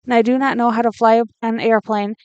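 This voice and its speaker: A frightened boy cries out for help over a plane radio, as a woman reads him in a storybook reading. The voice is panicked and pleading, smooth and clear, in a dry, close recording. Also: very high-pitched, level tone, fairly quick, no room sound, highs cut off.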